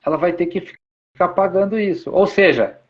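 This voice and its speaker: A man's voice: sits high, normal speed. Man giving an informal spiritual talk. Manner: repetitive, explanatory, uses many tag questions. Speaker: spiritual speaker. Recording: dull lo-fi sound.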